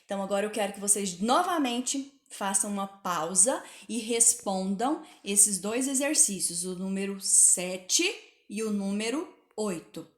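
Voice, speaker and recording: A woman teaches a recorded spelling lesson at an unhurried pace. She sounds out each word patiently and clearly for her pupils. Her voice rings in an echoey room. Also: medium pitch. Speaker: Portuguese language teacher.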